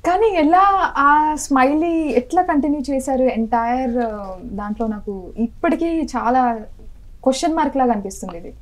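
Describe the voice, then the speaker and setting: A woman's voice: sits high, rough recording. A woman hosting a film interview, eager and easily amused, asking questions and mixing in English phrases. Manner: eager, quick to laugh, mixes English phrases. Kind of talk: casual interview chat.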